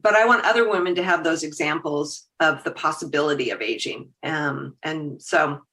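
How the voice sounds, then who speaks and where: Low-pitched and sharp in tone, this woman in her 50s chats at a moderate pace as a podcast guest and agency founder. She's lively and casual, laughing readily and acting out her own thoughts as quotes.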